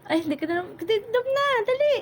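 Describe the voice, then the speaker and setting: A woman at home urging a pet on in a lively, excited way. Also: very high voice, fast.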